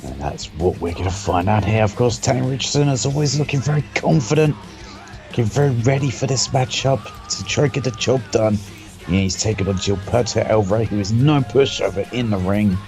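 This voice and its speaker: Gravelly male wrestling commentator. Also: fairly low pitch, animated, a little fast, darkish tone, soft background music. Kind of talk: live play-by-play commentary, co-commentating.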